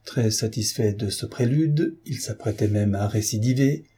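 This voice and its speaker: A man narrates a classic novel in a measured, even storytelling voice. His tone is dark and mellow with a husky edge. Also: fairly low pitch. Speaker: audiobook reader. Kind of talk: reading a classic novel aloud.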